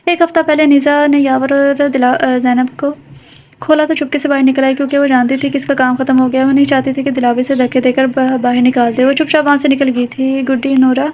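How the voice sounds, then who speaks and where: A woman narrating a romance novel in a steady reading voice, in a dull lo-fi recording. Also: high-pitched, a little hiss or hum. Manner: steady reading, voicing all parts. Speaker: audiobook narrator. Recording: dull lo-fi audio.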